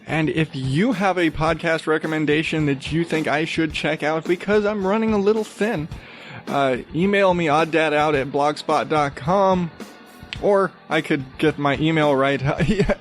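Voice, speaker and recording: Coming down with a cold, a man with a rather deep voice rambles through his solo podcast at an unhurried pace, loose and casual, restarting himself mid-thought and swearing now and then. Soft music plays in the background.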